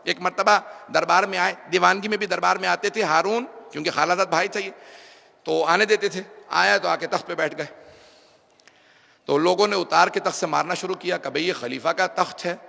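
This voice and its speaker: A male preacher telling a story in a sermon, rhetorical and dropping to hushed tones for emphasis. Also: high voice, fairly even intonation, normal speed, creaky. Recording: long hall reverb.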